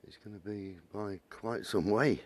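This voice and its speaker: Low-voiced bloke doing snooker commentary, chatty, explains little things as he goes. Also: fairly even intonation, unhurried. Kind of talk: snooker commentary, conversational analysis.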